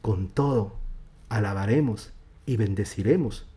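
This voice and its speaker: Fervent male pastor preaching. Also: unhurried. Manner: fervent preaching, swinging from loud emphatic reading to hushed low endings. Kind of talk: sermon. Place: church.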